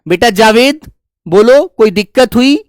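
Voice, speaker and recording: A man teaching a grammar lesson, dictating slowly and repeating phrases word by word, fondly reassuring his students. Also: extremely high pitch, animated, dry recording, clean studio sound. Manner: fond, reassuring, calls students "dear children". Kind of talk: classroom lesson with slow dictation.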